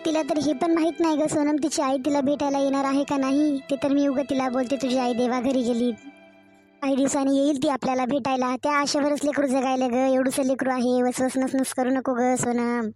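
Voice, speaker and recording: A woman voicing a kind, caring older grandmother in an animated storybook, speaking slowly and heartfelt with a Marathwada Marathi accent. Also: high voice, faint music behind, close to an everyday voice. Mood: pleading. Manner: tender, pleading, slow and heartfelt.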